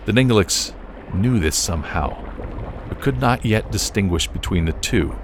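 A man narrating an audiobook in a slow, measured storytelling manner. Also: on the low side, expressive, noisy background. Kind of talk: scripted narration.

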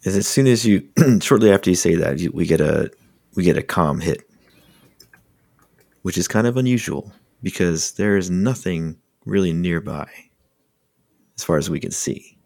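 Brief: deep-voiced man as game master, gravelly narration. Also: animated, normal speed, long pauses, darkish tone.

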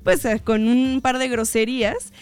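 A woman with a Mexico City accent co-hosting a casual entertainment podcast, chatty, with frequent laughs and quick asides. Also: a little high, level tone, darkish tone, clear, resonant tone, no room sound. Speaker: podcast co-host. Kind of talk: casual entertainment-news chat.

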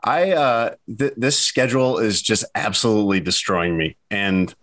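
A man's voice: on the low side, normal speed, fairly bright tone. A man hosting a casual sports podcast, rambling and restarting his sentences, tired from early mornings, with dry jokes. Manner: rambling, self-interrupting, dry joking. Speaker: podcast host.

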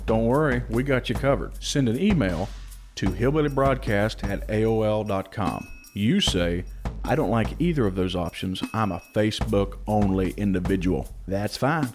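A man hosting a casual podcast, telling folksy stories and laughing often. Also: fairly low pitch. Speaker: podcast host.

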